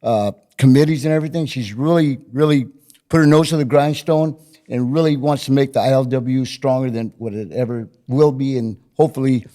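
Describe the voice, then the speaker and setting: Middle-aged man, host, dark mellow tone, chatty and full of praise. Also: mid-range voice, fairly quick. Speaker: host, former teacher and coach. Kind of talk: casual interview conversation.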